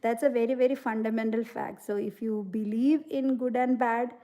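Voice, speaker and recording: Slightly high and mellow, this Indian woman's voice stays steady at a normal speed while she hosts a relaxed livestream. She reads viewers' comments aloud and responds earnestly and thoughtfully, sprinkling in many "you know" fillers.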